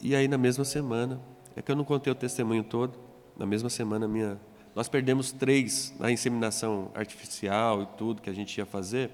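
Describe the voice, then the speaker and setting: A man's voice: mid-range voice, fairly even intonation, a little fast, a little hiss or hum. A man, a pastor telling his conversion story in a sermon and acting out the dialogue. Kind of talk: testimony sermon. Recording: reverberant hall with soft music.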